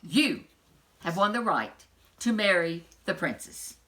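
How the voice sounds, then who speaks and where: A woman's voice: lowish voice, big pitch swings, takes it slowly, fairly bright tone, heavily acted. A woman voicing a jolly, kindly king in a storybook, proclaiming his words in an exclamatory way.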